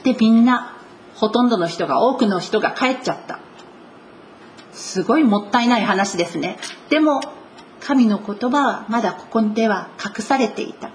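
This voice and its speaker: A woman gives a sermon from the pulpit, leaning on important words with slow, earnest emphasis. Her voice sits a little high. A faint hiss of room noise runs underneath. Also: lively intonation. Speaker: pastor.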